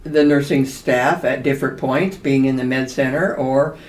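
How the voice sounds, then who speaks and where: A woman's voice: extremely low pitch, steady tone, moderate pace, a little mellow. An older woman co-hosting a casual interview chat in a senior community. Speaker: podcast co-host, senior community resident. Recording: roomy echo, distant from mic.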